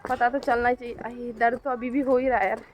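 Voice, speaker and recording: A woman's voice: fairly high pitch, flat delivery, quick pace, slight background noise. A middle-aged woman, chatting homely to camera in a vlog and often tagging questions to her viewers. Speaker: family vlogger. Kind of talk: casual vlog narration. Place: city streets and home.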